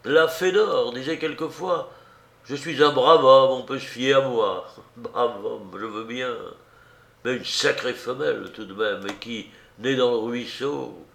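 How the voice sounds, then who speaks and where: A man voices a worldly city gentleman who chats in a loose, offhand manner. His middle-pitched voice carries the echo of a roomy space.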